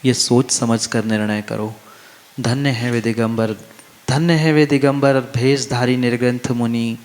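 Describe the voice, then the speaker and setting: A man's voice: medium pitch, fairly even intonation, a little slow, a little mellow. Emphatic male preacher in reverberant hall. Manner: emphatic, repeats phrases, asks the crowd questions. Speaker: Jain monk preacher. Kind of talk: sermon. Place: large hall at a religious festival. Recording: long reverb of a large hall.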